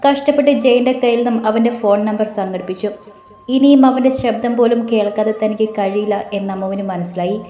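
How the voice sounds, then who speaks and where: A woman narrating a romance audiobook in a steady, gently dramatic reading. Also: fairly high pitch, quick pace, faint music behind. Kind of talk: scripted story narration. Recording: roomy echo.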